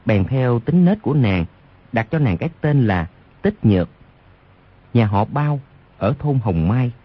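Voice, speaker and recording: A man with a low, slightly husky voice narrates a long martial arts tale. His reading rises and falls with lively expression. The sound is muffled and lo-fi, as from a radio broadcast. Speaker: audiobook narrator. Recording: lo-fi radio recording.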